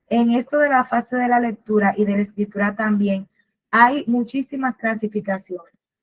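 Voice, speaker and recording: A woman presenting a literacy workshop in a webinar lecture, patiently explaining and asking and answering her own questions. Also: medium pitch. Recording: tinny phone-like webinar audio.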